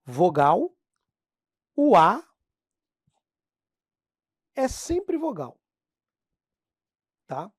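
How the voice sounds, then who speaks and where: A Brazilian woman teaching Portuguese grammar in a slow, unhurried way, her pitch rising and falling with lively energy. She addresses her students directly and stretches out the example words. The sound is dry and close, with no room echo. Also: husky. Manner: lively, talks to the class as "pessoal", drags out example words slowly. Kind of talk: classroom lesson explaining phonetics.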